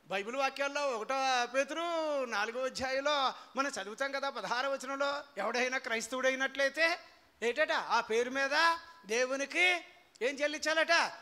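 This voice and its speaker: A man preaching a sermon as pastor, quizzing his congregation in call-and-response and swinging from low storytelling to shouted praise. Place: church hall before a congregation.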